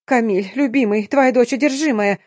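A woman voicing a scheming, jealous middle-aged stepmother who turns shrill, tearful and defiant, in a dry audiobook reading. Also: moderate pace, darkish tone, no echo, lightly acted. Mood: tearful pleading. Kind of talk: audiobook character voice.

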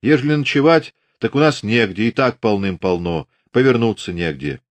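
A meek, elderly Cossack homeowner, as a male reader voices him, wary and plain-spoken. The voice is lowish and the recording dry. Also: lively intonation, moderate pace, no room sound, natural voice.

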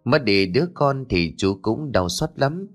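Expressive male storyteller. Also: mid-range voice, a little slow, soft background music. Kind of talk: scripted ghost-story narration.

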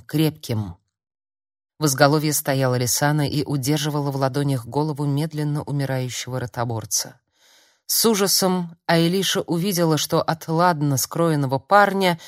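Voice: mid-range voice, no room sound. A narrator giving a dramatic, varied audiobook reading, recorded close to the mic. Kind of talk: audiobook reading of a dark fantasy novel.

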